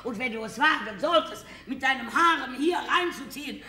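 A woman's voice: high voice, animated, normal speed. Woman playing a scornful, fed-up wife. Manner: sharp-tongued, mocking. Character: fed-up middle-aged wife leaving her husband. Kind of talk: live stage comedy sketch. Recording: echoey hall from far off, loud audience and noise.

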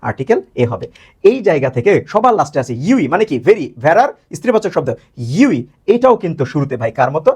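A man's voice: sits high, very animated, darkish tone, slightly rough. A man with a Bangladeshi accent teaching a grammar lesson, quizzing viewers with questions and answering them himself. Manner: drawn-out stressed example words. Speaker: English teacher.

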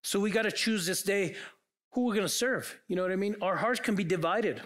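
A man's voice: sits high, brisk, fairly bright tone. A man preaching a sermon as pastor, earnest and full of rhetorical questions put to the congregation. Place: church.

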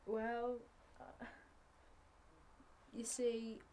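A woman's voice: on the high side, monotone, very slow. A woman playing a timid, hesitant teen girl. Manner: hesitant, quiet, faltering. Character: timid, ashamed seventeen-year-old girl.

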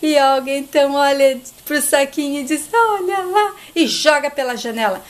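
A woman's voice: high-pitched, fairly even intonation, moderate pace. A woman narrating a soap opera episode and reading every part herself. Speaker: channel host and reader.

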